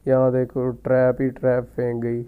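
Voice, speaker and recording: A man's voice: medium pitch, completely flat delivery, moderate pace, clean tone, phone-quality sound. A man with a sore throat, muttering casual gameplay commentary as he plays and taunts the game character. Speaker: gaming YouTuber.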